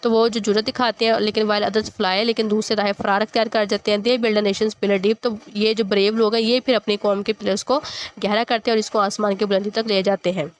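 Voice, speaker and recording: A woman teacher explaining a school lesson, reading English lines slowly and then explaining each in Hindi-Urdu. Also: mid-range voice, little pitch movement.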